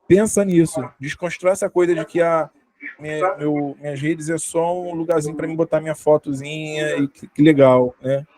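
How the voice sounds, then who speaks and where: A man's voice: a little high, steady tone, moderate pace, crowd noise, low-quality recording. Chatty Brazilian man teaching a workshop. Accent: Brazilian Portuguese. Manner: conversational, many fillers and tag questions. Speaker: workshop speaker on communication. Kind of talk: live workshop talk.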